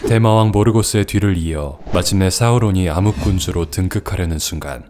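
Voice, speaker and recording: A man's voice: deep voice, a little fast. A man giving scripted, dramatic story narration as a recap narrator. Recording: loud music under voice-over. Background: loud music.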